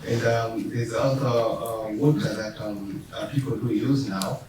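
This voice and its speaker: A man sharing a story in a workshop discussion, halting and full of fillers. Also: mid-range voice, fairly even intonation. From Tanzania. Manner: halting, many "um"s. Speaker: workshop participant. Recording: echoey room, distant mic, background noise.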